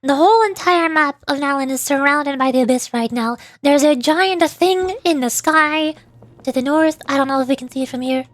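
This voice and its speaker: Her voice sitting high at a moderate pace, this VTuber keeps up chatty, playful game commentary for her livestream audience. She responds to chat and teasingly calls out moves, and there is no echo.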